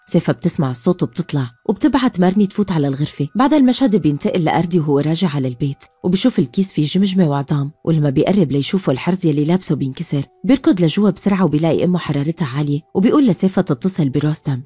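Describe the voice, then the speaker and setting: A woman with a Levantine Arabic accent narrating a film recap in a brisk, even storytelling style. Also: sits low, slightly rough, dry recording, faint music behind.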